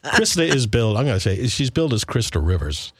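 A man's voice: mid-range voice, very animated, quick pace, breathy edge, dry recording. A man hosting a radio show, chatting casually as he interviews his guest. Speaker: radio host. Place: radio studio.

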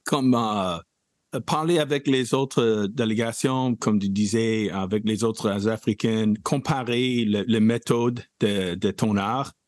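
A man hosting an interview, asking measured questions that he often tags with "n'est-ce pas". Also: fairly low pitch, darkish tone, dry recording, studio quality. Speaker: radio host.

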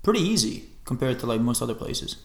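Laid-back guy cohosting a podcast, slangy and animated, mid-pitched voice, echoey room. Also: fast, gravelly. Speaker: podcast co-host. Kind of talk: casual chat. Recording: roomy echo.

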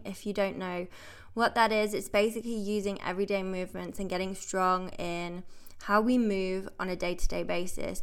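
In a relaxed podcast monologue, a UK woman in her thirties who works as a health coach sounds cheerful and talkative, laughing easily. Her voice is mid-range, a bit bright, and clean.

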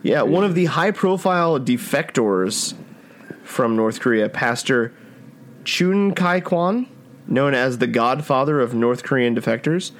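A man's voice: mid-range voice, expressive, unhurried. Joking man co-hosting a podcast. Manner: dry, joking, reads out his own headlines. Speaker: podcast co-host. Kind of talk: casual chat.

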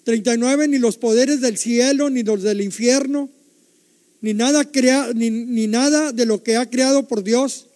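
An older male preacher with a very high yet mellow voice delivers an emphatic sermon, repeating key phrases and putting questions to his congregation. His words ring out with a long reverb, as if in a large church hall. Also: unhurried. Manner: emphatic, repetitive, asks the congregation rhetorical questions.

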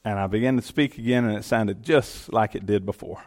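This middle-aged Georgia man, a county commission chairman, offers an earnest and folksy personal testimony in his Southern accent. His voice sits fairly low, a little fast and a little mellow.

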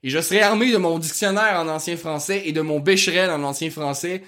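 A man with a rural Quebec French accent hosting his own podcast, talking fast and excitedly and piling on information. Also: a little high. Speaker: podcast host. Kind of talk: casual solo podcast talk.

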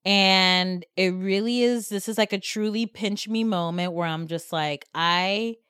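A woman's voice: mid-range voice, unhurried, a bit bright, clear, resonant tone, no room sound. A woman hosting a podcast in a studio, chatting in a playful, jokey way and laughing often. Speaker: podcast host. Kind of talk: casual comedic chat.

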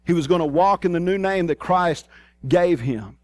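A man's voice: high voice, lively intonation, moderate pace, no room sound. A man preaching a sermon in a plain-spoken, folksy way, with a Southern US hillbilly accent and country twang. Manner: plain-spoken, folksy, repeats key phrases for emphasis.

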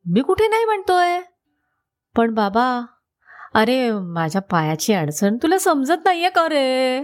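A crafty wise man moaning and dragging out his words over a pretend sore foot, as a woman storyteller puts him on. He speaks slowly, with a mellow, unhurried voice and a hint of mischief in the groans. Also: sits high, very animated, soft background music. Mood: sly complaining. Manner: groaning, drawn-out complaints. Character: sly wise man feigning a painful foot.

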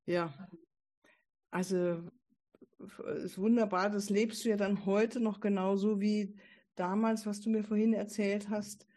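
Woman interviewer, mellow voice, casual and encouraging, often murmuring agreement. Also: medium pitch, flat delivery, unhurried. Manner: encouraging, frequent listening murmurs.

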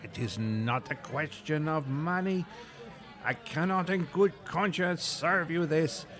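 A man's voice: medium pitch, big pitch swings, slow, gravelly, crowd noise, heavily acted. A man voicing a haughty French head waiter with a fussy put-on accent.

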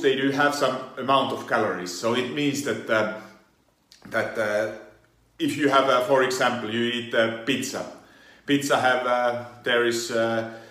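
A man with a Finnish accent, an online fitness coach explaining things in a halting way with many fillers and restarts. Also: mid-range voice, a bit bright, roomy sound. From Finland. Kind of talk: explainer monologue.

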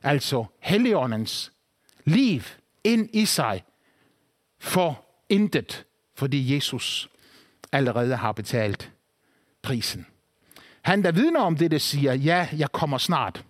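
A man preaching a sermon, swinging between raised proclaiming and hushed low phrases. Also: big pitch swings, long pauses, dry recording, studio quality.

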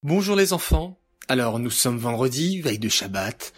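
A man telling a story to children in a gentle, clearly enunciated, slow reading voice. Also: mid-range voice, sing-song, faint music behind.

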